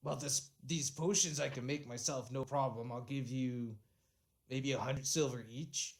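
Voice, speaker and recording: A man's voice: mid-range voice, fairly even intonation. Man running a tabletop game. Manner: halting, thinks aloud with fillers. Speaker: game master.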